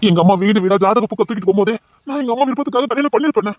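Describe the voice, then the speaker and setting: A man's voice: sits high, very fast, dry recording, natural voice. A man voicing a guilt-ridden young man who earnestly urges his beloved to hear his confession, in an audio drama. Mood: urging. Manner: earnest, urging, addresses her intimately.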